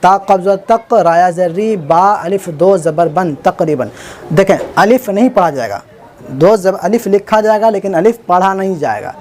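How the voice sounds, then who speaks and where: A man teaching Urdu script online, spelling out each word slowly letter by letter and checking in often with the viewer. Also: high voice, lively intonation, darkish tone. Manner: slow spelling out letter by letter, repeating words; informal, self-correcting, many "theek hai na" check-ins. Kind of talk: online writing lesson.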